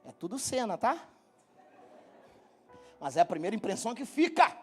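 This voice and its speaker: A middle-aged man from Brazil preaching to his congregation, telling a funny personal story in a joking, animated way and speaking straight to the people. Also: high-pitched, moderate pace, husky, soft background music. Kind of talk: humorous sermon storytelling. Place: church hall.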